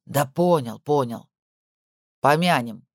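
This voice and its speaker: A reader voicing a pompous man who declaims slow, showy speeches. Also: mid-range voice, no room sound, clean studio sound.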